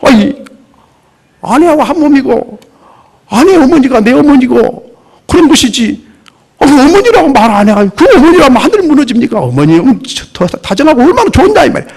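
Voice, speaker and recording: A man preaching a sermon as a pastor, animated, acting out the voices he quotes. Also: very high voice, a little fast, breathy edge.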